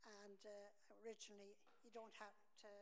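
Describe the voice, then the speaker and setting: A woman's voice: medium pitch, completely flat delivery, normal speed. Playful woman, echoing hall. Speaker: retreat house staff. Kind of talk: self-introduction at a meeting. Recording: long hall reverb.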